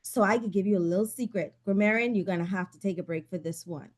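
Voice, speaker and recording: A woman's voice: mid-range voice, fast, darkish tone. A woman leading a club meeting on a video call, upbeat and playful as she hands out questions. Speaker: Table Topics master at a club meeting.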